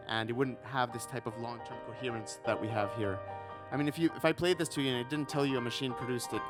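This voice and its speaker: Relaxed man giving a conference talk. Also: medium pitch. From Ecuador. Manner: relaxed, self-deprecating, frequent ums. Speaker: conference speaker, researcher.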